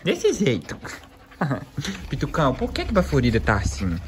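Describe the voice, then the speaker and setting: A man's voice: fairly high pitch, huge pitch swings, unhurried, heavy background noise. A man with a Brazilian accent vlogging casually with his dogs, chatting to viewers and cooing affectionately at his pets. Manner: chatty, laughs often while talking to viewers. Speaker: pet vlogger.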